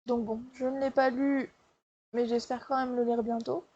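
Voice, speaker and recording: A woman's voice: a little high, level tone, moderate pace, warm tone, slightly rough, highs cut off. A woman book vlogger chatting casually through her monthly reading wrap-up, hesitant, with many fillers and restarts.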